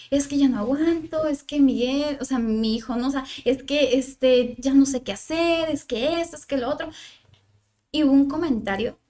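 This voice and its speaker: Woman, Mexican accent, young adult, high voice, psychologist guest, conversational storytelling, quotes dialogue, many fillers. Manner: recounts dialogue, filler-heavy with "o sea" and "le digo". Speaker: psychologist guest on a parenting podcast.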